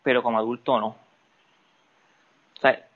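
A man, a podcast guest speaking candidly about personal matters, halting and restarting often. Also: medium pitch, level tone, narrow, tinny audio. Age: adult. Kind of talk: personal interview talk.

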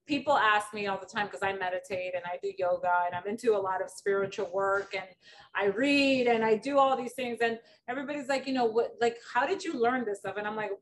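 A woman's voice: medium pitch, a little fast. A middle-aged woman from the Dominican Republic hosting a casual interview, chatty and full of stories, often using fillers. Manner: chatty, storytelling, many fillers. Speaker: podcast host. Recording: distant mic with faint background noise.

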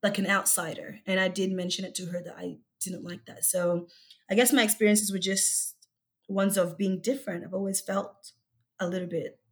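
A young woman raised in Australia, speaking as an interview guest in a reflective, thoughtful way with frequent pauses and ums. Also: mid-range voice, fairly even intonation. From born in Egypt, raised in Australia. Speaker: guest, researcher and youth activist.

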